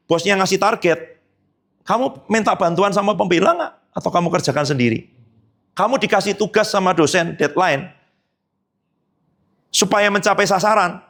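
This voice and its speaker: Gravelly, animated high-voiced male pastor. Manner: emphatic, with rhetorical questions answered himself and repeated tag phrases. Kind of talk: sermon. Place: church service.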